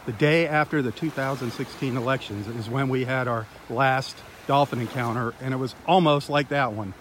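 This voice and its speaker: A man's voice: medium pitch, moderate pace. A man hosting a live beach walk stream outdoors, chatty and enthusiastic as he talks straight to his viewers through a handheld phone. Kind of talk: casual live-stream narration. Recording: loud outdoor noise of surf and wind.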